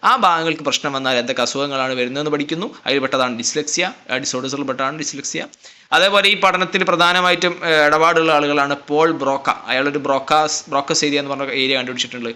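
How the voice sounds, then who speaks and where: A man tutoring students, asking questions and answering them himself, and reading out lines slowly before he explains them. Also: mid-range voice, pushed and bright. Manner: reads English lines slowly then explains. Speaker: English tutor. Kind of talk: lecture to students.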